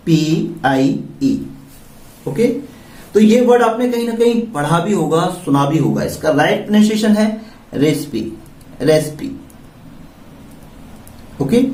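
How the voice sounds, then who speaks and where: Man, Indian accent, English teacher, spells words letter by letter, unhurried delivery, echoey room, mic set back. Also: high voice, a little mellow, far from the mic. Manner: slow, spells words out letter by letter, asks questions. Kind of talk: classroom-style vocabulary lesson.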